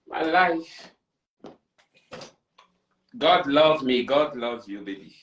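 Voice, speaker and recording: A man's voice: mid-range voice, expressive, extremely slow, a bit bright, dull audio. A man hosting a live stream and taking callers, talking in a theatrical, confrontational way. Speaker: livestream host. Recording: roomy sound, distant from mic.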